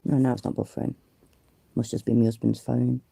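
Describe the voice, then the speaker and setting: Rumbling low and husky, her gravelly, mellow voice comes out brisk and flat, with no echo. She's a woman with a stuffed-up cold, hosting a casual phone livestream, chatty, sweary and self-deprecating.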